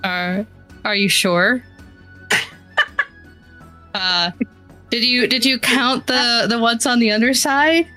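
A woman's voice: on the high side, slow, long pauses, pushed and bright, faint music behind. A woman chatting casually as a player in a tabletop game. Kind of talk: casual play chat.

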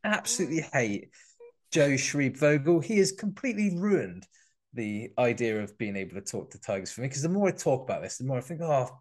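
Man, podcast co-host, middle pitch, excitable and interrupting. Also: fast talker, slightly rough. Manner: animated, jumps in and restarts, pitch leaps when excited. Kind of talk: casual chat.

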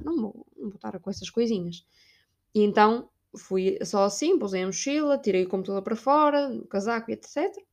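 A young woman with a European Portuguese accent, chatting casually about a trip and imitating people along the way. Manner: chatty, animated, imitates shouting staff in high voice. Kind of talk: casual storytelling vlog.

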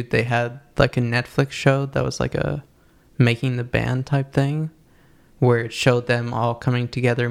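A man's voice: medium pitch, creaky. A man co-hosting a podcast, casually reviewing new music with a laid-back delivery full of fillers. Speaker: podcast co-host.

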